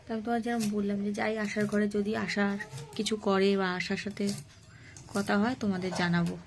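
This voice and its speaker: A woman's voice: mid-range voice, flat delivery, brisk. A young woman chatting casually to her viewers in a daily vlog, often saying "so come, friends". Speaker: vlogger.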